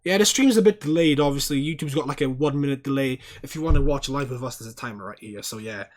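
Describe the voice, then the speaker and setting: A young man streaming a football watchalong, chatting casually and swearing, and breaking into loud high-pitched rants at fouls. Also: fast.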